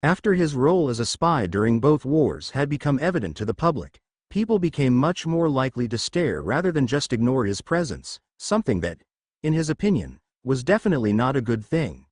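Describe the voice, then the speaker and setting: A man narrating a story aloud in an expressive reading voice, with his pitch rising and falling a great deal. His voice sits in a middle register. The recording is dry and close, with no room sound. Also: fairly quick, no room sound.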